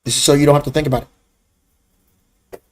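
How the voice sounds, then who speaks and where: A man with a fairly high voice leads a live-streamed trading lesson. He talks bluntly and scolds his viewers by name. When he wants a point to land, he slows down and leans hard on each word. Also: fairly even intonation. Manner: blunt, scolding, calls out chat names. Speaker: trading class host.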